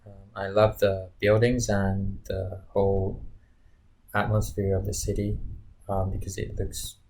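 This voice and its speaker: A man's voice: low-pitched, flat delivery, measured pace, vocal fry, darkish tone, slight background noise. A twenty-one-year-old man gives hesitant answers full of fillers. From Japan. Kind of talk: casual interview answers.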